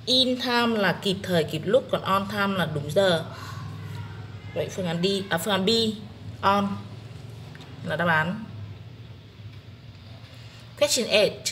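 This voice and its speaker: Slow, methodical Vietnamese woman teacher. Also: medium pitch, a bit bright, slight background noise. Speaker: English teacher. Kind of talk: exam-prep lesson walkthrough.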